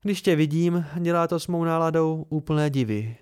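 A man voicing a gentle young woman, playful and weary, with a soft, lilting delivery. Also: fairly high pitch, smooth, voice pushed up, close to an everyday voice. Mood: teasing.

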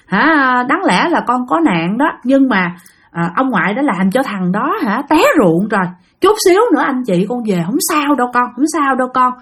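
A woman voicing the calm ghost of an old grandfather comforting a child. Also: on the high side, normal speed, slightly rough. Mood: soothing. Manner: soft reassuring.

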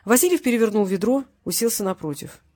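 A woman narrates a crime novel for an audiobook. Her reading is even and measured, and her voice sits at a middle pitch. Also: breathy edge.

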